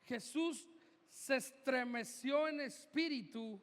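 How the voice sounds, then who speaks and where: A man's voice: very high voice, slow pace, a bit bright. A man with a Mexican Spanish accent, preaching a sermon as pastor in a church, conversational and joking with the congregation. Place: church hall. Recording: reverberant hall.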